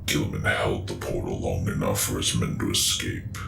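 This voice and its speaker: A man in a whispered role-play narrates scripted lore as a gruff space marine, in a solemn, measured, gravelly voice. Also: a bass voice, monotone. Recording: echoey, with music underneath.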